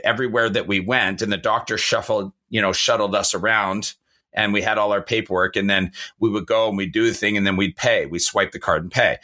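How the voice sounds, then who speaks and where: A man's voice: fairly low pitch, pushed and bright. A man, the show's host, chatting casually, telling anecdotes and asking playful rhetorical questions. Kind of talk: casual chat.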